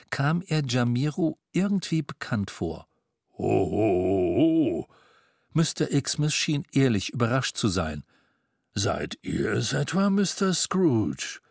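A man narrating a storybook in an expressive storytelling manner. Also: medium pitch, no echo, studio quality. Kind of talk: audiobook narration.

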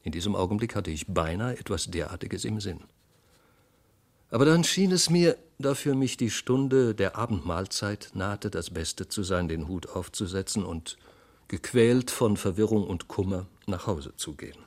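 A man narrating a classic story for a radio reading, his delivery dramatic and expressive. His voice sits fairly low but rises and falls with wide swings. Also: normal speed. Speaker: audiobook reader. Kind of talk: scripted literary narration.

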